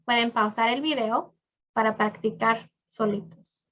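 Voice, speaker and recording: A woman with a Mexican accent teaching English to Spanish speakers, saying model phrases slowly and clearly. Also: fairly high pitch, bright, forceful tone. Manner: slow, carefully enunciated English model phrases. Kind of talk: bilingual language lesson.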